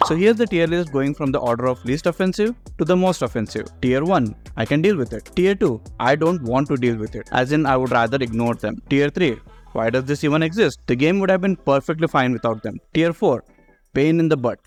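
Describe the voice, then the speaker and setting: A man's voice: mid-range voice, expressive, brisk, faint music behind. A man narrating a scripted video game commentary in a sarcastic, profane way.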